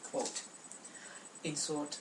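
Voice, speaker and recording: A woman's voice: very slow, reverberant, far from the mic, noisy background. A young woman from Cambodia giving a prepared class speech, speaking carefully with frequent restarts and repeated words.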